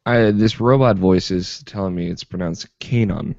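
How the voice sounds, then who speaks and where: A young man with a lowish voice, bantering on a podcast and stumbling over restarts as he jokes. The sound is dry, close and dull, like lo-fi podcast audio. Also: normal speed, a little mellow, no echo. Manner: joking, stammering restarts. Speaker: podcast co-host. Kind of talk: casual chat.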